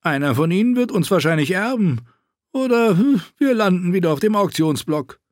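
Man doing a sly sharp-tongued dwarf. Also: sits high, expressive, normal speed, no echo, studio quality, pitched above the performer's own voice. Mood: wry. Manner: alternates sarcastic orders with servile begging.

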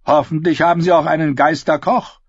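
A man's voice: fairly high pitch, fairly even intonation, brisk, breathy edge, no room sound, highs cut off, pitched above the performer's own voice. A man reading aloud as a knight who makes wry, sardonic quips. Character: mocking, hungry knight, wry joker.

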